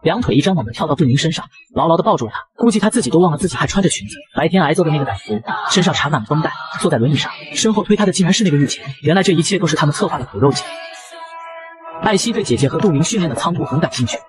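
A man narrating a manga recap in a brisk, breathless scripted delivery. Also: on the high side, expressive, crowd noise.

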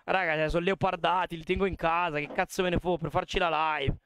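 A man's voice: a little high, little pitch movement, fairly quick, a bit bright, slight background noise. A young man chatting casually with his live-stream audience at a desk mic, chatty and swearing freely. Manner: chatty, swears a lot, talks to chat.

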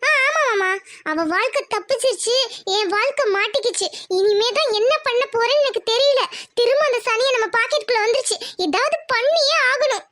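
A woman's voice: extremely high pitch, fairly quick, a bit bright. A woman voicing a scheming, spiteful young woman in a cartoon, grumbling bitterly. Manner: sour, plotting, grumbling. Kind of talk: Tamil cartoon voice acting.

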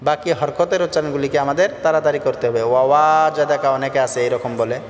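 A man's voice: medium pitch, slight background noise. Bengali man teaching melodic Quran recitation. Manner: alternates slow melodic chanted recitation with quick spoken explanations. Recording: long hall reverb with faint music.

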